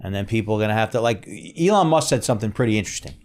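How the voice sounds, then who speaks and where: A man's voice: on the low side, lively intonation, racing. A man with a New York accent, co-hosting a podcast, arguing his views confidently. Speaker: podcast co-host. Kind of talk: casual chat.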